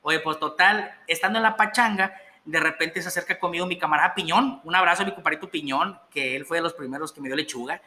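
Fast, bright-voiced Mexican man telling stories. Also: fairly high pitch. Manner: profane, slangy, laughs while telling stories. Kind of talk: casual storytelling chat.

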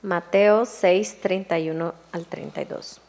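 A woman reading Bible verses aloud in a steady, measured way during a sermon. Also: on the low side. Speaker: scripture reader.

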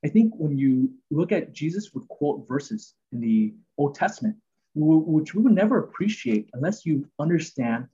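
A man's voice: a little high, mellow, husky, highs cut off. A man hosting a podcast, talking through Bible passages in an earnest, rambling way with many fillers and restarts. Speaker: podcast host. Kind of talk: casual Bible teaching chat.

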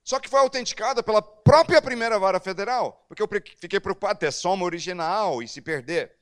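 A man's voice: high voice, fast talker, clean tone. A man preaching as pastor, telling a personal story and acting out the dialogue. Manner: animated, acts out dialogue. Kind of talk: storytelling sermon.

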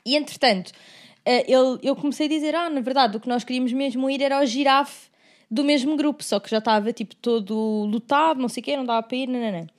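Young female, high voice, rapid delivery, animated casual podcast storyteller. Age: young adult. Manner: animated, slangy, acting out quoted remarks. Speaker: podcast co-host.

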